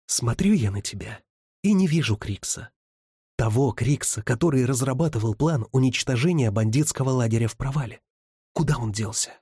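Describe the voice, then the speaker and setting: A man voicing a fierce, tough young woman who scolds in a sharp, raised voice. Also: mid-range voice, lively intonation, normal speed, slightly rough, dry recording, clean studio sound. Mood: reproachful.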